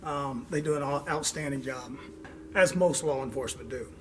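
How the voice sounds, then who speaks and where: An older man hosting a do-it-yourself car repair video, out of breath and pausing for air as he rambles through a casual, long-winded explanation. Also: mid-range voice, a little hiss or hum. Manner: rambling, long-winded, pauses for air, tags lines with "okay?". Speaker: DIY car repair host. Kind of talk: casual instructional talk.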